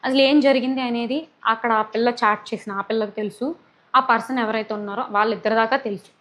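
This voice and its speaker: A woman's voice: on the high side, steady tone, fast, a bit bright. A young woman speaking to camera, upset and indignant, dropping English words into her talk. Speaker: YouTuber. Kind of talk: talking to camera, personal statement.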